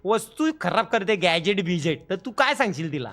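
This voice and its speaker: A man's voice: high voice, big pitch swings, moderate pace, fairly bright tone, faint music behind. A man hosting a live stream in casual, bossy, joking banter, throwing in English words. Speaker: gaming streamer.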